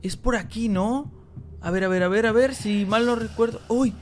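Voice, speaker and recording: A man's voice: high-pitched, moderate pace, a little hiss or hum. A man commenting on a horror game he plays, reading its lines aloud in translation, talking to his viewers and yelping and repeating words when he is scared. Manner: addresses viewers as "chicos". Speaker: gaming YouTuber. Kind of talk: Let's Play commentary translating game dialogue.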